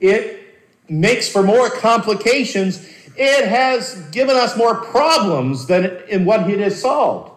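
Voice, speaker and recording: A man preaching a sermon as a pastor, earnest and animated, with dramatic pauses and repeated words. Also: sits high. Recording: roomy echo.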